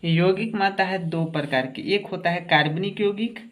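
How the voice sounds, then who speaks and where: During a classroom science lecture, a high-voiced man with a fairly bright tone speaks at normal speed in an everyday way. He keeps asking short questions and answering them himself, coaxing the students he addresses as "babu."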